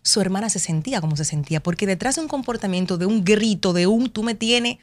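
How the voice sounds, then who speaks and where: A middle-aged woman with a Dominican accent, a broadcaster speaking as a guest and telling animated stories about raising her daughters, acting out what each person said. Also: mid-range voice, fast, no room sound. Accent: Dominican Spanish. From Dominican Republic. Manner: animated storytelling, acts out quotes. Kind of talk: conversational interview.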